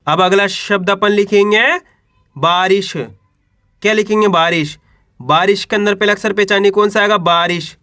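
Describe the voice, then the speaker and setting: A man teaching Hindi spelling, sounding out each syllable slowly and asking the class to repeat the word. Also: high voice, steady tone, sharp tone, no room sound, clean studio sound. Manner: spells out syllables slowly, then asks "what will we read?". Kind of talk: slow spelling lesson for children.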